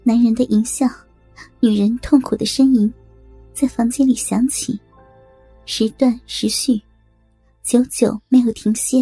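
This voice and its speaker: A woman narrating an audiobook in a steady storytelling manner. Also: fairly high pitch, measured pace, long pauses, husky, dry recording. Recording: dry close mic with faint music beneath.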